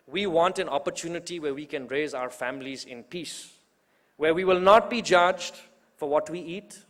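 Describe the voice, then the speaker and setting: Young guy in his 20s making a fired-up speech, voice a bit high, long echo in a big hall. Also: fairly bright tone. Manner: rousing, emphatic, with rhetorical repetition. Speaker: youth organizer introducing the main speaker. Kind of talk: public speech at a political event. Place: large event hall.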